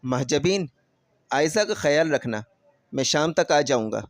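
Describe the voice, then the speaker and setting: A man playing a gentle father who gives calm, kindly instructions. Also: a little high, dry recording.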